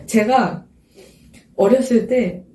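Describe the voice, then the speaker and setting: A young woman in her twenties tells her story earnestly and reflectively, as if she is talking through her memories. Her tone is soft and mellow. She sits some way from the mic, and the room gives her voice a clear echo. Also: on the high side, drawn-out words, a little hiss or hum. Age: 20s. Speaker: guest. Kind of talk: casual interview chat. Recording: roomy sound from a distance.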